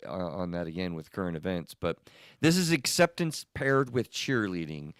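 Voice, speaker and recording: Man, podcast host, casual chat, rambling, smooth resonant voice, dry sound. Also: sits low, no room sound. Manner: animated, laughs easily, rambling restarts.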